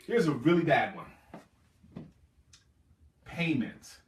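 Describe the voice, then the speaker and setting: A man's voice: a little high, very animated, slow, reverberant, recorded from a distance. A man giving a motivational sales seminar talk as a trainer, speaking emphatically and repeating key words for stress.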